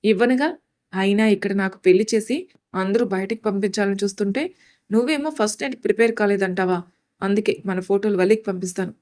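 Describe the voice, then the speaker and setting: A woman's voice: mid-range voice, darkish tone, natural voice. A woman voicing a mischievous, stubborn young woman in a storybook. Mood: cheeky. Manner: cheeky, quick retorts.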